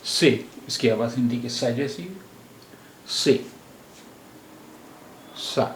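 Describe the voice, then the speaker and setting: A man teaching a language lesson. He speaks slowly and says each word several times. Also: medium pitch. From India. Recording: roomy echo, faint background noise.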